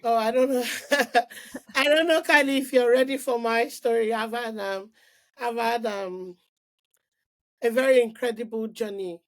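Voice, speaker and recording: A middle-aged Nigerian woman, guesting on a podcast, tells her story in a casual interview conversation, animated and full of restarts and "like" fillers. Her voice is on the high side and unhurried.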